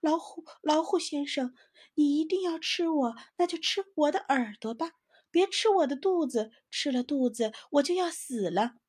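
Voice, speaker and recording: A woman doing a squeaky little squirrel. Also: normal speed. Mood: fake frightened pleading. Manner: squeaky, excited, pleading put-on child voice. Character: small clever young squirrel, brave and quick.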